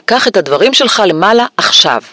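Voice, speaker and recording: A man's voice: a little high, big pitch swings, no room sound, heavily acted. A man doing a blustering, bullying uncle. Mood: forced, stern. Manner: shouting, blustering, sneering. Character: blustering angry middle-aged uncle, bullying.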